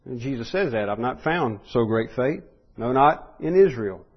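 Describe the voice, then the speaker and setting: A man's voice: medium pitch, expressive, moderate pace, husky, muffled recording. A man preaching a sermon in an earnest way, often restarting and rising in force when he stresses a point.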